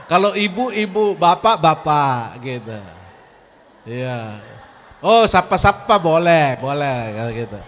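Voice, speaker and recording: A man's voice: on the high side, big pitch swings, slow pace, fairly bright tone, slight background noise. A man, a pastor and grief counselor giving a chatty, direct training talk to church members. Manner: chatty, direct, addresses audience as Bapak Ibu. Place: church hall. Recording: long reverb of a hall.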